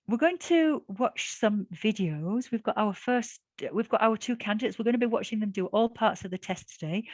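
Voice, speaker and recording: On a video call, a woman leads an exam-prep class online in a warm, talkative, encouraging manner, using lots of fillers and breathing audibly. Her voice sits at medium pitch, with no echo in the recording.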